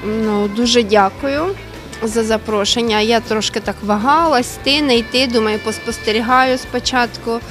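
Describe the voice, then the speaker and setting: A woman's voice: a little high, normal speed, over music. A woman giving effusive, grateful feedback after a cooking class. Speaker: master class participant. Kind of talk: casual spoken feedback.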